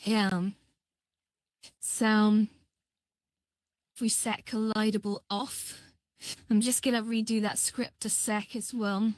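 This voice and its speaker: A woman's voice altered by a voice changer, hosting a casual live software tutorial in a halting, think-aloud way. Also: medium pitch, flat delivery, no echo, studio quality. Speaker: livestream tutorial host.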